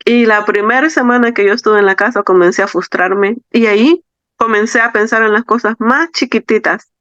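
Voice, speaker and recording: A woman from El Salvador recounts her personal faith testimony as a guest. Her voice is smooth and resonant, and her earnest telling often repeats key phrases. The recording is dry and a little dull. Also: a little high, moderate pace, a bit bright, no room sound. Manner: earnest, reflective storytelling with repetition. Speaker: interview guest.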